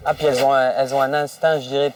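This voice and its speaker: A man's voice: mid-range voice, little pitch movement, very fast. A man telling colloquial anecdotes in an informal documentary interview, as a member of an expedition. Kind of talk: informal spoken recollection. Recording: dry, slightly distant microphone.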